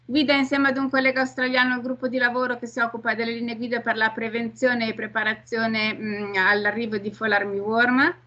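Bright-voiced middle-aged woman moderating. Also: fairly high pitch, flat delivery, brisk, few pauses. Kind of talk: introducing online conference speakers. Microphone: video call. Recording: slightly dull video call sound.

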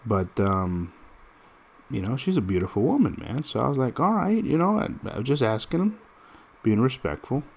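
This casual gameplay commentary comes from an American in his thirties, who rambles through stories over a mobile fighting game, direct and prone to restarts. His medium-pitched voice is very animated, with vocal fry, at a normal speed.

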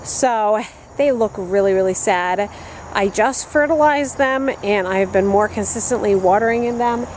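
A woman in her thirties walks through her backyard vegetable garden, chatting casually and upbeat about her plants. Her voice is mellow and warm, caught by a handheld camera at arm's length outdoors. Faint crickets and insects buzz behind her. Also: mid-range voice, a little hiss or hum, poor audio. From upstate New York, US. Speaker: gardening vlogger.

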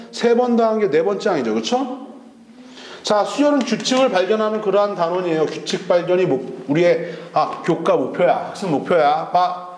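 High-voiced guy teaching math online, blunt and teasing, echoey room. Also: darkish tone. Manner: blunt, teasing, switches between casual and polite speech. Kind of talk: online lecture.

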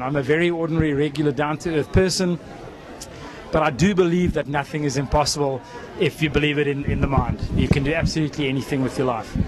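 A man in his fifties from South Africa, talking earnestly into a handheld mic at an indoor expo stand about running for charity. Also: on the high side. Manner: earnest, inspirational, with frequent ums. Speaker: interviewee, ultra runner. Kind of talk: talking to camera at a race expo.

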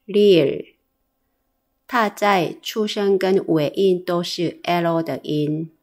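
A woman's voice: fairly low pitch, darkish tone. A woman teaching a pronunciation lesson, enunciating carefully and repeating each drilled syllable. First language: Korean. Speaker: Korean language teacher.

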